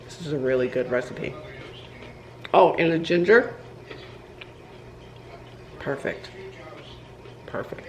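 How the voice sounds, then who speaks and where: A woman's voice: low-pitched, animated, moderate pace, pauses often, noisy background. A woman chatting casually in her home kitchen as she bakes cookies for her vlog, rambling with many fillers and restarts. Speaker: vlogger. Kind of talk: casual baking vlog chat.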